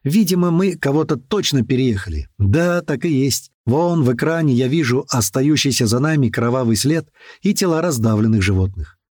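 A man doing lively first-person audiobook narration. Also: mid-range voice, normal speed, no echo, studio quality. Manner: lively and expressive.

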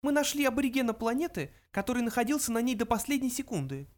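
Reader doing a high-pitched lab mouse, pompous, brisk, cynical, lecturing, audiobook. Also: expressive, close to an everyday voice. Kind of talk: audiobook character reading.

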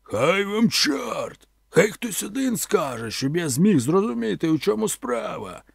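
A man voicing a furious barbarian warrior, bellowing, pitched high, slow and loud, husky. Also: expressive, no echo, clean studio sound. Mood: angry shouting. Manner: shouting, bellowing. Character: angry male barbarian warrior, gruff, commanding.

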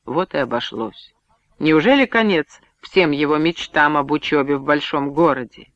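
A man reading a novel aloud as an audiobook narrator, steady and even storytelling. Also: on the high side, normal speed, no echo. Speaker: audiobook reader. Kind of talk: scripted narration. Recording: muffled, dry audiobook recording.

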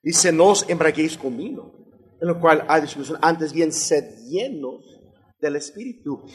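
A middle-aged man preaching a sermon in a high voice. He talks with fervor and builds to loud, shouted peaks before dropping back to quieter, earnest speech. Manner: fervent preaching, rising to shouts, often addressing "hermanos". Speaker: pastor.

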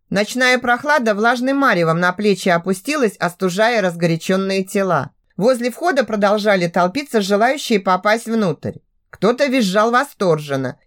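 A woman narrating a first-person audiobook in an expressive, sultry reading style. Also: medium pitch.

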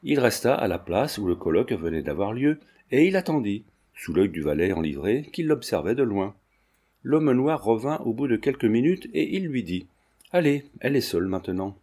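A man narrating a classic novel aloud, measured and expressive. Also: fairly low pitch, husky. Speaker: audiobook narrator. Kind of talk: scripted literary narration.

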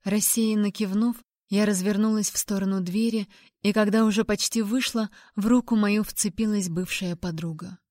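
A woman narrating a first-person audiobook in an expressive, lightly dramatic way. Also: mid-range voice, moderate pace, no room sound, studio quality.

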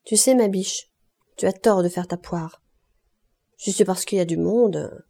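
A woman's voice: on the low side, a little slow, vocal fry, warm tone. A woman voicing a drunken, leering male zinc worker who blusters and sneers. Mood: teasing.

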